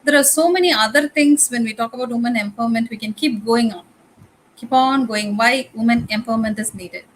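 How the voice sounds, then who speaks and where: A woman's voice: a little high, a little fast, slight background noise, low-quality recording. A woman from Tamil Nadu with a Tamil-influenced Indian English accent, giving a conversational guest lecture with frequent fillers and repeated phrases. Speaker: guest speaker. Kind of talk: lecture talk.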